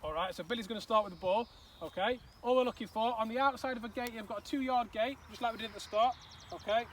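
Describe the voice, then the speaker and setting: High-voiced football coach outdoors. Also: male voice, quick pace, fairly bright tone. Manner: instructive, repeats okay and all right often. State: out of breath at times. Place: outdoor pitch. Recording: distant mic, outdoor noise.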